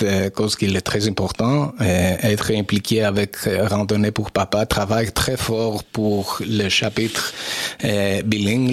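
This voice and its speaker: A man's voice: fairly low pitch, a bit bright, no room sound. A man from Montreal hosting a radio interview, switching between French and English mid-sentence. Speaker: radio host.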